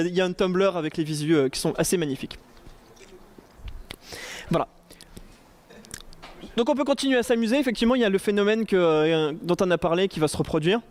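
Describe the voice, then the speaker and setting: A man with a high voice presents at a conference in front of an audience. His delivery is loose and chatty, with jokes, fillers and self-corrections. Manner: chatty, joking, many fillers and restarts. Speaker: conference speaker. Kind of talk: casual tech talk with slides. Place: conference room before an audience.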